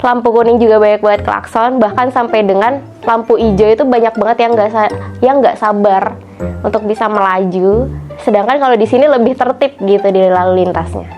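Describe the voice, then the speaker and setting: Wanita muda gaul, suara agak teredam. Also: female voice, mid-range voice, fairly even intonation, a little fast, a little mellow, dull audio, faint music behind. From Tangerang, Indonesia. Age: 20s. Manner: slangy, informal and emphatic. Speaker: university student. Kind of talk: casual interview answers.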